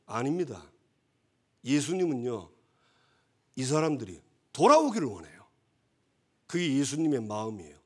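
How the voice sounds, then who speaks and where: Husky man preaching. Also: fairly high pitch. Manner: conversational, asks the congregation for agreement. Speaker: pastor. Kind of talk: sermon.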